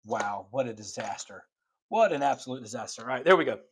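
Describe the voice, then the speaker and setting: A man hosting a casino dice tutorial, calling rolls and paying bets aloud in an excitable, chatty way, at times out of breath. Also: medium pitch, fairly quick, slight background noise. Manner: excitable, calls rolls like a dealer, chatty asides to viewers. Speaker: craps channel host demonstrating strategy. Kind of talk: casual table-game demonstration.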